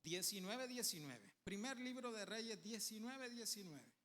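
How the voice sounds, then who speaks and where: A man preaching a sermon with emphatic bursts and quiet asides, calling the congregation to say amen. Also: high-pitched, lively intonation, a little slow, in a large hall. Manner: calls on the congregation for amens.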